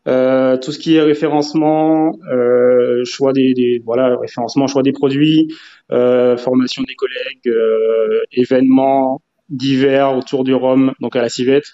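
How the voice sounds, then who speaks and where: A man's voice: mid-range voice, little pitch movement, measured pace, dark tone. A man from Martinique, a rum specialist guest, speaking hesitantly with many fillers on a live video call. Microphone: phone on a video call. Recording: dull lo-fi call audio.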